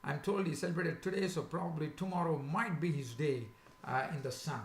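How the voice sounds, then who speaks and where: Male sports preview host, sore swollen throat with some creak, halting delivery, echoey room. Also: a little high. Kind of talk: casual unscripted sports preview commentary. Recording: echoey, roomy sound.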